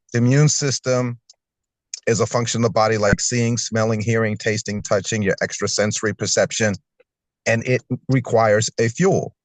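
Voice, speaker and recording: Man, wellness talk, conversational coaching, checks in with "okay?", middle pitch, dry room. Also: no echo. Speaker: nutrition and fitness speaker. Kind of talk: wellness presentation.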